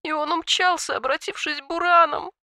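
A woman's voice: medium pitch, normal speed, no echo, clean studio sound, lightly acted. Woman voicing a weeping dramatic dragoness. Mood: wailing. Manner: sobbing, hushed and theatrical. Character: grieving tearful female dragon, dramatic.

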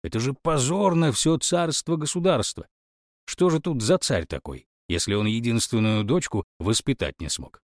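A man's voice: medium pitch, lively intonation, moderate pace, no room sound, clean studio sound, lightly acted. A man voicing a sensible talking wolf who speaks with incredulous reproach. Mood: reproachful.

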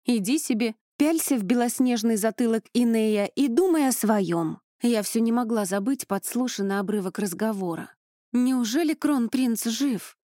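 A woman reading a first-person fantasy audiobook in an expressive way. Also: a little high, dry recording, clean studio sound. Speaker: audiobook narrator.

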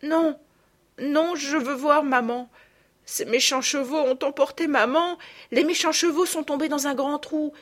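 A woman's voice: high-pitched, steady tone, measured pace, voice pushed up. A woman reading a storybook, voicing a very small, frightened girl with a plaintive, childlike manner. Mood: whimpering.

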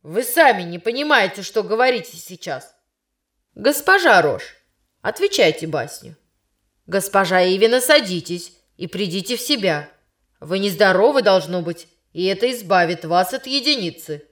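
A woman's voice: mid-range voice, expressive, moderate pace, fairly bright tone, lightly acted. A woman voicing a middle-aged male teacher, strict and scolding in formal speech, kind underneath but worn out by his class. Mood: exasperated.

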